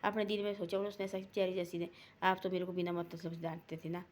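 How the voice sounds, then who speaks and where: A woman's voice: on the low side, level tone, fast talker, a little hiss or hum. A woman telling a family folk story in a casual, rambling way, repeating herself and acting out the dialogue. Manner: rambling, repetitive retelling with quoted dialogue.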